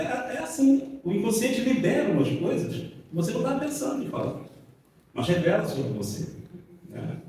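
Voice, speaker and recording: In an echoey large hall, a seminar speaker with a Brazilian Portuguese accent addresses an audience from far off the mic, with a little hiss or hum on the recording. His voice is high with a darkish tone. The informal lecture is chatty and jokey, peppered with slang and little quotes he acts out.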